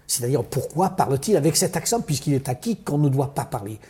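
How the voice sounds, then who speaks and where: Man with a dark, husky voice. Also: mid-range voice, fairly quick. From southern France. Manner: reflective, animated, many restarts. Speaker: interview guest. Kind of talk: conversational interview.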